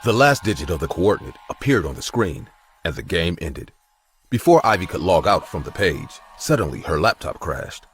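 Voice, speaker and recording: A man's voice: low-pitched, sing-song, normal speed, soft background music. A man reading a scripted horror story aloud in a dramatic storytelling manner. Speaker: narrator.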